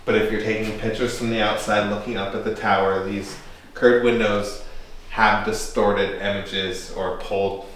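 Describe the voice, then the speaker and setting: Lower-pitched man guiding in an echoey room. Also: steady tone, moderate pace, a bit bright. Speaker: castle tour guide. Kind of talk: informal explanatory guided tour. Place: large indoor castle rooms. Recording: echoey room with faint noise.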